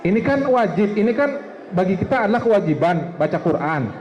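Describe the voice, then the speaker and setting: A man's voice: sits high, big pitch swings, brisk, highs cut off. A male preacher in a mosque, telling a story to students with quoted dialogue and questions to the room. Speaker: ustadz preacher. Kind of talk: lively religious talk to students.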